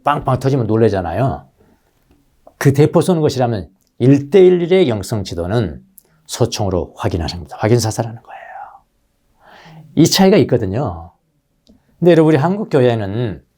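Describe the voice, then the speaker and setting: Male pastor, Sunday sermon; mellow, warm voice that swings widely in pitch; talks straight to the pews. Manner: animated preaching, addresses the congregation directly. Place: church sanctuary.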